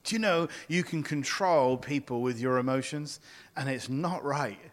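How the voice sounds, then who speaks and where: A man's voice: medium pitch, moderate pace, long reverb tail. A man, a pastor, giving a teaching sermon and animatedly acting out the voices of the people he quotes.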